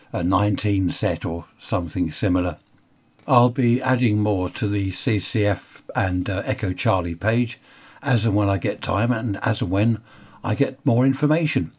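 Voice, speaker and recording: A man's voice: on the low side, moderate pace, breathy edge. A man presenting archive material in a casual, informal way. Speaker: presenter introducing an archive recording.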